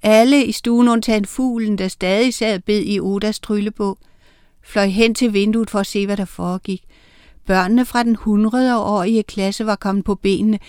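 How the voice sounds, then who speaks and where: Woman narrator, expressive children's storybook reading; smooth voice, dry close sound. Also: mid-range voice, no echo.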